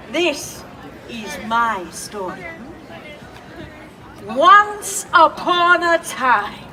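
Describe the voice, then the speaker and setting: Woman as a kind old Italian-accented witch, high, swooping voice, slow storytelling, outdoor crowd behind, off-mic. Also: noisy background. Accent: put-on Italian. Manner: playful, coaxing, asks children questions. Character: kindly old Italian witch who brings gifts. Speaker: costumed storyteller for children. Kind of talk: live in-character storytelling. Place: outdoors in a public urban space. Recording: distant outdoor recording with crowd.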